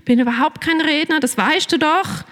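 A woman's voice: normal speed, a bit bright. A woman preacher voicing Moses as a hesitant man pleading excuses. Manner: whiny, pleading, higher voice. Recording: long reverb of a large hall.

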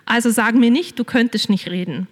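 A woman's voice: brisk, natural voice. A woman preacher voicing God as he speaks to Moses in a casual, firm way. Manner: casual, matter-of-fact, lower and quieter. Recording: long reverb of a large hall.

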